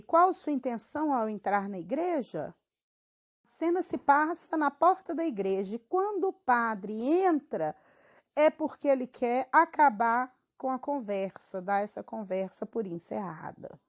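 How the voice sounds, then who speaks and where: A woman's voice: sits high, big pitch swings, measured pace. A girl of about twelve, reading school questions and her answers aloud, evenly and with small stumbles. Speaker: student.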